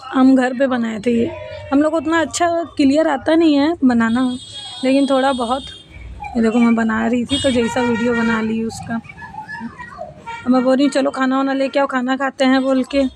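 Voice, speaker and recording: A woman's voice: sits high, steady tone, normal speed, background noise. A woman in her thirties narrating a casual home vlog, chatting with viewers as friends while she cooks and her family plays. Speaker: family vlogger.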